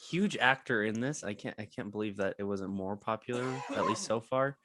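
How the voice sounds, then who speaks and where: A young man hosting a casual movie podcast, laid-back and tending to trail off quietly. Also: fairly low pitch, fairly quick, noisy background. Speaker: podcast host. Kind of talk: casual chat.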